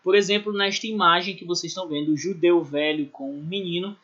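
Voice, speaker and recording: Male art teacher, slightly high voice, explanatory and repetitive with tag questions, muffled lo-fi sound. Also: steady tone, quick pace, fairly bright tone. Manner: explanatory, many "né?" and "ou seja" tags, self-corrections. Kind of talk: recorded online class lecture.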